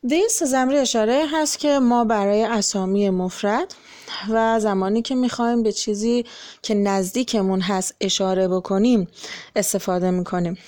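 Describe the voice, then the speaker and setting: A woman's voice: medium pitch, a little mellow. Patient woman teaching English. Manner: patient, explains then translates, many fillers. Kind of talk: explaining a children's textbook lesson.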